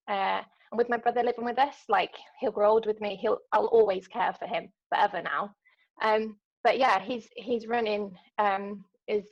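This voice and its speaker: A woman from London chats as a podcast guest, her voice gravelly with a touch of fry. She talks hesitantly, restarting sentences and filling pauses with ums. The sound is dull and lo-fi, as if recorded over a call. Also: medium pitch. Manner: hesitant, many ums and restarts, laughs easily. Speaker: podcast guest, ultra runner. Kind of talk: casual interview chat.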